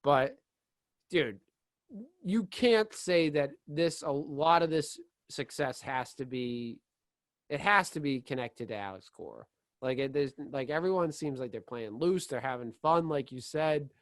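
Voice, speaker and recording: A man co-hosting a casual sports podcast, excitable, rambling and full of "like" and restarts. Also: on the high side, a little slow, no echo. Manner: excitable, laughs easily. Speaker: podcast co-host.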